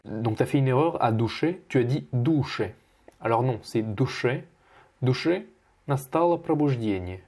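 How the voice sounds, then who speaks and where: Husky man teaching pronunciation. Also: medium pitch, a little mellow. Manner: patient, corrective, models words slowly and repeats them. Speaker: Russian language teacher. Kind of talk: correcting a student's pronunciation.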